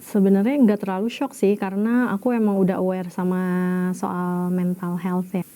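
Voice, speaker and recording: A woman's voice: mid-range voice, little pitch movement, normal speed, warm tone. A woman in her thirties working in HR, answering interview questions casually with some hesitation. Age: 30s. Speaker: HR administrator.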